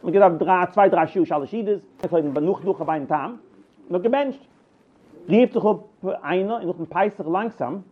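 A man telling rambling personal anecdotes, halting and repeating himself as he goes. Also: high voice. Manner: halting, repeats and restarts words, animated. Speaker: storyteller. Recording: tinny phone-like line.

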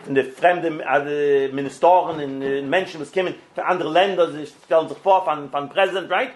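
A man telling a religious parable in halting, informal speech, often repeating and restarting phrases and switching in English words. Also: on the high side, steady tone. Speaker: storyteller.

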